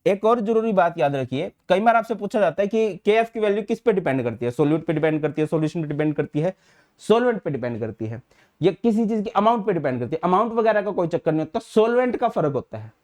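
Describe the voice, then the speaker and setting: A chatty man teaching chemistry online, his voice sitting a little high for a man. He talks to students like a friendly elder brother, mixing terms into his speech. He often slows down to dictate notes one word at a time. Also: sing-song, a little mellow. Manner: chatty, addresses students as beta and bhai, mixes English terms into Hindi. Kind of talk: online class lecture.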